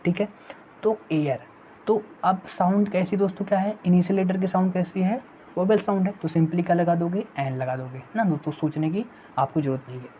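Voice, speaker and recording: A woman's voice: fairly low pitch, a little fast. A woman teaching English grammar in an online exam-prep lesson, often asking the viewers rhetorical questions and repeating her points. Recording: dull lo-fi sound with faint noise.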